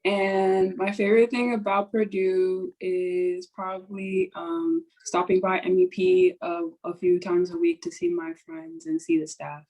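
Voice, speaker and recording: A young woman in her twenties, a student, introducing herself in a relaxed, friendly way on a video call. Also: medium pitch, unhurried, hardly any pauses, poor audio.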